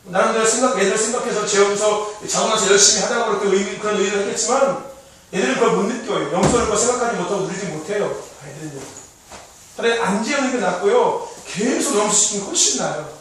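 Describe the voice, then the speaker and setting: A high-pitched man preaches to a youth group, calling for amens and checking what his listeners did. He is heard from a distance in a very reverberant worship hall with a faint hiss. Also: quick pace, a bit bright. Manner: preachy, calls out amen, quizzes listeners. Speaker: youth pastor. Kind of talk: sermon to youth. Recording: echoey hall, distant mic, faint noise.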